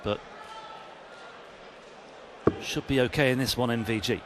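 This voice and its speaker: A man's voice: mid-range voice, steady tone, measured pace. A man giving live darts commentary as the lead commentator. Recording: clear venue noise behind the commentary.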